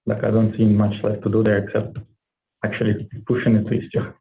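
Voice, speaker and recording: A man's voice: on the low side, monotone, brisk, vocal fry. A man gives a short, matter-of-fact progress report on an engineering meeting call, with a few um fillers. His voice comes through thin and phone-like. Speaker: engineer giving a status update. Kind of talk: technical working-group call. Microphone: online meeting call. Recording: tinny phone-like call audio.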